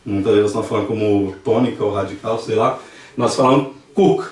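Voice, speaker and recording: A man's voice: lowish voice, fairly even intonation, fairly quick. A man with a Brazilian Portuguese accent teaching a language class, patiently explaining and repeating examples aloud. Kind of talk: classroom lesson. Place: church classroom. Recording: echoey room, distant mic.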